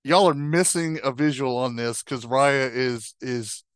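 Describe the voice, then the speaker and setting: A man's voice: mid-range voice, unhurried, clear, resonant tone. A man in casual conversation, teasing another speaker by calling them out. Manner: dry teasing, calling others out. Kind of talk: casual family chat.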